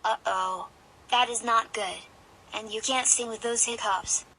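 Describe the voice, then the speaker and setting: Upbeat kid leader, voiced by a woman, bright and slightly high. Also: fairly even intonation, a little slow, a little hiss or hum. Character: cheerful kid singer leading friends.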